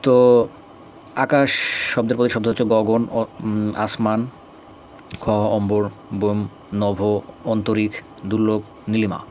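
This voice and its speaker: A young man reads out synonym lists for revision, slowly and deliberately, with casual asides. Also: lowish voice, little pitch movement, a little mellow, slight background noise. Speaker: grammar study video maker.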